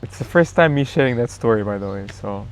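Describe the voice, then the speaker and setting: A man chatting as a guest in a casual backyard interview, telling a story in a relaxed, rambling way with fillers. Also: mid-range voice, quick pace, smooth.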